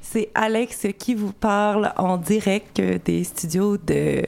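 A woman hosts a live radio arts show from the studio. She talks casually and loosely, filling her pauses with hesitations. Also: mid-range voice, vocal fry, a little mellow. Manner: hesitant, many "euh" fillers, laughs easily. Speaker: radio host. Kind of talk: live campus radio chat.

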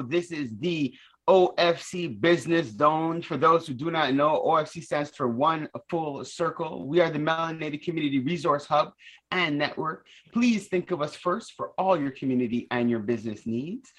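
A man's voice: fairly high pitch, a bit bright. A man hosting community radio in a welcoming way, repeating phrases for emphasis. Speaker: radio show host.

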